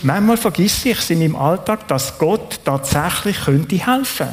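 A man with a Swiss German accent delivers a sermon in an earnest, conversational tone. His voice sits a little higher than most men's. He keeps checking in with his listeners through quick tag questions. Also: animated. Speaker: preacher.

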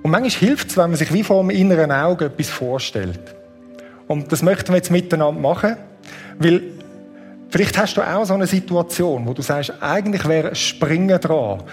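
A man preaching, earnest and conversational, slowing down on key points. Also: fairly high pitch, animated, soft background music. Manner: leads a guided meditation. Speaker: pastor. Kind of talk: sermon.

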